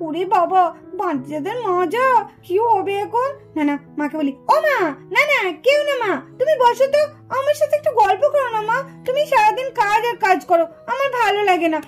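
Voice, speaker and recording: A woman's voice: very high voice, lively intonation, a little fast, soft background music. A woman voicing a mischievous little girl in a doll puppet show, coaxing and acting innocent.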